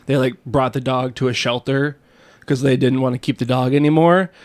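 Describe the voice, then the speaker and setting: A man's voice: medium pitch, fairly even intonation, moderate pace, no room sound. A man co-hosting a podcast, chatting in a jokey, teasing manner. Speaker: podcast co-host. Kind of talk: casual chat.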